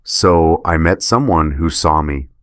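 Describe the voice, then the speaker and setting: A man's voice: rumbling low, measured pace, dry recording, studio quality. Man voicing a tearful guilty wife. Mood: pleading. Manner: soft, pleading delivery.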